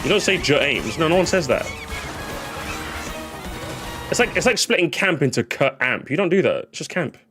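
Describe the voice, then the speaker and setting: A man's voice: high-pitched, expressive, brisk, long pauses. A young man streaming in casual chat, rambling and joking with mock outrage at his chat. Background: music playing.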